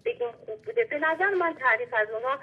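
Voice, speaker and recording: Husky woman calling in by phone. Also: sits high, animated. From Iran. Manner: earnest, insistent, argues at length. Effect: heard over a phone line. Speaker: radio show caller. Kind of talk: call-in question to the host. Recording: tinny phone line.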